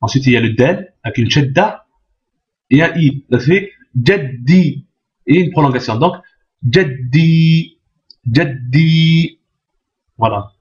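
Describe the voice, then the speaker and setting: A man's voice: mid-range voice, animated, brisk. A man teaching an Arabic reading lesson, patient and repetitive, checking often that the learners follow. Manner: patient, repeats each point, checks with "d'accord?". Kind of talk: step-by-step language lesson. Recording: dull lo-fi sound.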